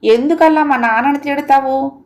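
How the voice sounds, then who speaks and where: A woman's voice: sits high, normal speed, a little mellow, voice pushed up. A woman doing a pouting young village girl.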